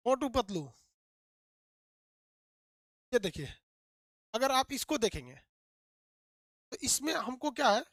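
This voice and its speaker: A man teaching physics, talking rapidly, repeating points and quizzing his students. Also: extremely high pitch, sing-song, a bit bright, dry recording, studio quality. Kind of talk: animated classroom lecture.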